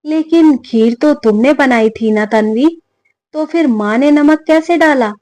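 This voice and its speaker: A woman voicing a kind young man who gently reassures an older woman. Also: high voice, measured pace, no room sound, pitched above the performer's own voice. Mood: reassuring.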